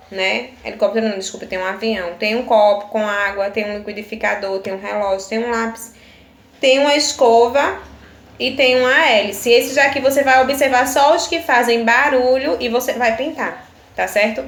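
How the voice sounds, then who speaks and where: A primary school teacher with a Brazilian Portuguese accent, a woman with a slightly high voice, takes children through their exercises one step at a time. She checks often that they are following. The room has a noticeable echo. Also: fairly bright tone. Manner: patient, explains step by step, often asks "tá certo?". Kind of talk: recorded video lesson for children. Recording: echoey room with faint ambient noise.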